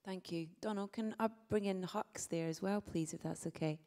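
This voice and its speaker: A woman moderating a press conference, reading out questions and briskly directing the room. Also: medium pitch, dark tone.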